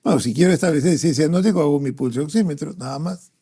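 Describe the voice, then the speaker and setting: A male doctor with a Peruvian Spanish accent teaches a pediatric cardiology exam-prep review, working questions aloud and dropping frequent "¿no?" and "este" fillers. His voice is fairly high, mellow and husky, and he talks quickly.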